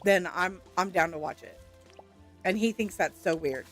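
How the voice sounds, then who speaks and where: A woman's voice: on the low side, moderate pace, soft background music. A woman streamer chatting casually with viewers while playing a game, laughing often. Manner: chatty and giggly, answering viewers. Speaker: gaming streamer.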